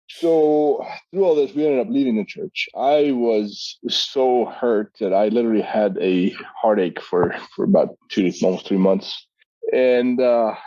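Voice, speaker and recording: A man, low-pitched and mellow, sharing a personal testimony on a podcast. He talks haltingly, with many fillers and restarts. The sound is dry and a little dull and lo-fi. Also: no room sound. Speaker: podcast guest.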